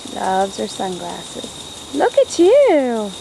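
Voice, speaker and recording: Woman, home camcorder recording outdoors: mother chatting to her toddler, high, slow, lilting, faint hiss. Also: wildly swooping pitch, gravelly, warm tone, rough recording. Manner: sing-song talk to a toddler. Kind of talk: home video. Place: outdoors in a garden.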